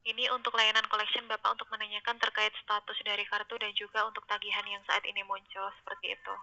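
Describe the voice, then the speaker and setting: A woman's voice: medium pitch, completely flat delivery, fast, bright, forceful tone. A woman speaking as a call centre agent in a polite, formal customer service voice over a muffled phone line.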